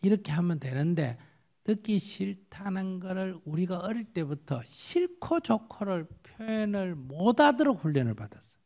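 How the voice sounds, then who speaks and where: Lively gravelly Buddhist monk. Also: male voice, high voice, moderate pace. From South Korean countryside. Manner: animated storytelling, acts out quotes, rhetorical questions. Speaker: Buddhist monk answering questions. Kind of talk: lively spoken dharma Q&A.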